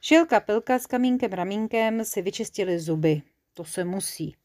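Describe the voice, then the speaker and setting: A woman reading a children's bedtime story aloud in a calm and clear way. Her voice sits at an ordinary middle pitch, steady and unhurried as she moves the tale along. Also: no echo, studio quality.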